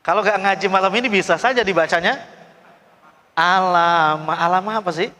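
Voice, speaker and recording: A middle-aged man leads a recitation class, calling out letters and coaxing his students to answer loudly. His voice sits a little high for a man and rings with a long reverb, like a hall or mosque. He speaks in a patient, drilling teacher's manner. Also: rapid-fire. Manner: drills students call-and-response, coaxing them to read loudly. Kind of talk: classroom tajwid lesson.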